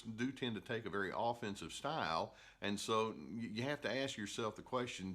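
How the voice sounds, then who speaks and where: Calm, low-voiced older male therapist. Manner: calm storytelling with filler "uh"s. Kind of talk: educational talk to camera.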